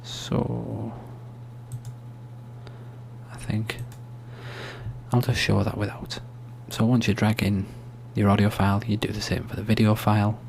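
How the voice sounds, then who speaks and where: A soft-spoken man giving an ASMR-style screen tutorial, explaining steps in a hushed, unhurried, informal way. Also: lowish voice, level tone, creaky. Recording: faint hum and background noise.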